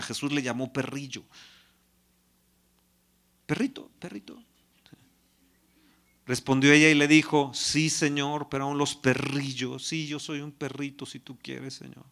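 A man preaching a sermon who retells a Bible story and acts out its characters. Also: medium pitch. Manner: reads scripture softly, then preaches with rising intensity; acts out biblical characters in dramatized quotes.

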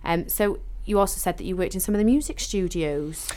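A woman's voice: fairly low pitch, brisk, a little mellow. A woman co-hosting a radio show, chatting casually and laughing easily.

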